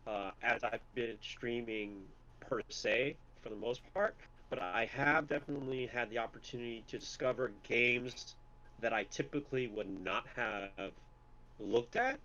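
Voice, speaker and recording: A man hosting a streamers' podcast, speaking in a measured, thoughtful way. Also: medium pitch, sharp tone, dull audio. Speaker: podcast host. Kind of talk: casual chat.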